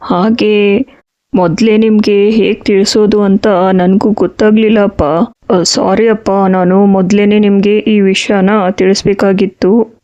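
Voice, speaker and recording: A man's voice: sits high, little pitch movement, a little slow, a little mellow. A man playing a hesitant, apologetic young adult son who works in an office, in a home drama. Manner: hesitant, filler-laden, apologetic. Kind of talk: Kannada home drama acting. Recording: slightly dull audio.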